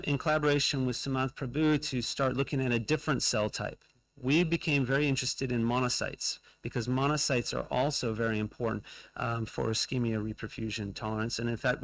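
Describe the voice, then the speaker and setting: A man presenting a scientific lecture at a conference, measured and pausing often with fillers, his voice going hoarse. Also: medium pitch, a bit bright, no room sound, rough recording. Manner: measured, with frequent fillers and pauses. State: losing his voice. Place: conference hall.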